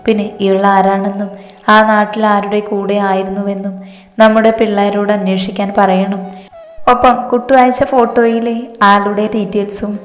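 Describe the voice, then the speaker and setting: Woman narrator reading a calm young husband, level and steady, roomy reverb. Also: mid-range voice, moderate pace, lightly acted. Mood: calm firm. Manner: steady, teasing. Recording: roomy reverb, faint music.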